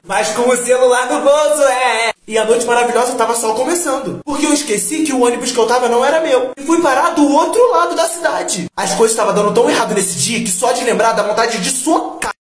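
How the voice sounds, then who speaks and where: A man telling gossip stories from school and daily life casually, animated and chatty with his viewers. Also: very high-pitched. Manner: quick, animated, addressing viewers as "gente". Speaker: storyteller.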